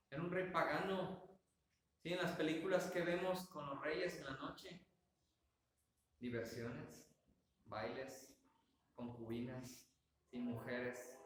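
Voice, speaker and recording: A man preaching a sermon, talking conversationally with rhetorical questions and acting out scenes as he goes. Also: high voice. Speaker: pastor. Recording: very echoey church hall, faint noise.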